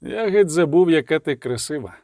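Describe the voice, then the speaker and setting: A man's voice: lively intonation, normal speed, dark tone, no echo, clean studio sound. A man reading aloud and voicing a weary, reserved warrior who mutters his lines. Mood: muttering. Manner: low, muttering.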